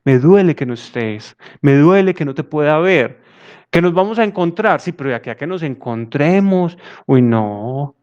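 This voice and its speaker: A man's voice: fairly high pitch, moderate pace, smooth. A man giving a conversational talk on grief as a psychologist, acting out little dialogues as he goes. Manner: animated, acts out little dialogues. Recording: dull lo-fi audio.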